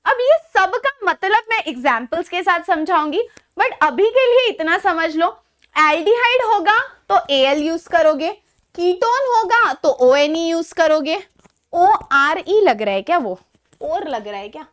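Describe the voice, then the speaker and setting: High-pitched, lively Indian woman teaching. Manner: chatty, teasing, repeats key terms slowly. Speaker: chemistry teacher. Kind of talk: online class lecture.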